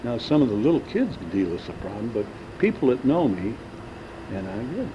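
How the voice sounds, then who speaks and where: In a large indoor banquet room, a man in his seventies reminisces during a casual oral-history interview, rambling and often stalling while trying to recall names. His mid-range voice has big pitch swings at a moderate pace. The lo-fi tape carries loud hiss.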